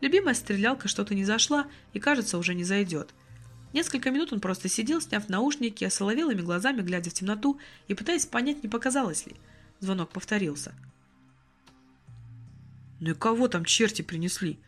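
A woman narrating a story as an audiobook, with expressive storytelling. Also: mid-range voice, quick pace, faint music behind.

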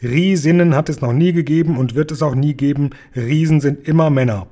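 A man reading a children's book aloud and voicing a huge, very old, kindhearted male giant who jumbles his words, louder than his narration. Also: fairly quick, natural voice. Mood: gruff. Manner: loud and booming, jumbled made-up words.

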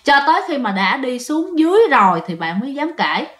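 A woman's voice: sits high, big pitch swings, fairly quick, fairly bright tone, roomy sound. Chatty woman telling ghost stories. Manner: chatty, addresses listeners directly. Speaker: storyteller. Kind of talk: ghost story narration.

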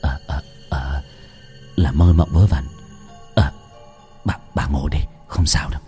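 A man playing a rich older village landowner in a ghost story, gruff and stammering. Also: rumbling low, fairly even intonation, measured pace, dark tone, faint music behind, pitched below the performer's own voice.

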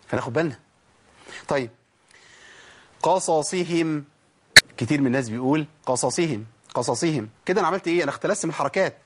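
A man with an Egyptian Arabic accent giving a spoken tajweed lesson as a Quran recitation teacher. He fires off rhetorical questions and answers them himself, and draws out syllables slowly when he demonstrates pronunciation. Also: fairly high pitch, slightly rough.

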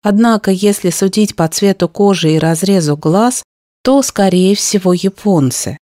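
A woman reading a first-person story aloud in a steady, even narration style. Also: mid-range voice, normal speed, dry recording, clean studio sound. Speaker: audiobook narrator.

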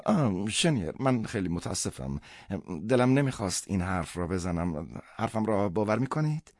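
A man's voice: fairly low pitch, big pitch swings, darkish tone, dry recording, studio quality. A man voicing an imploring, apologetic man on the phone in a storybook reading. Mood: pleading.

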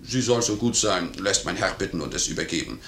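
An actor playing a blunt, gruff manservant to an officer in a 1950s German radio play. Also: male voice, low voice, expressive, a little fast, a bit bright, a little hiss or hum. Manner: blunt, gruff, plain-spoken. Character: blunt, loyal male servant of a major. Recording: roomy 1951 radio recording.

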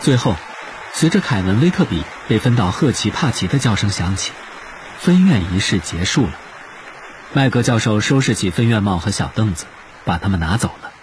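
A man narrating an audiobook in an expressive storytelling manner. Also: lowish voice, normal speed, a little hiss or hum.

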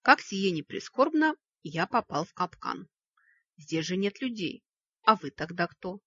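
A pompous, long-winded wolf lord from a storybook, as a woman reads him, husky and close in a dry space. He sounds touchy and grand about himself. The recording is dull and lo-fi. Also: medium pitch, sing-song, measured pace, fairly bright tone, no echo, full character voice. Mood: courteous. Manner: pompous, wordy and indignant. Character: talking wolf, a cursed pompous male lord.

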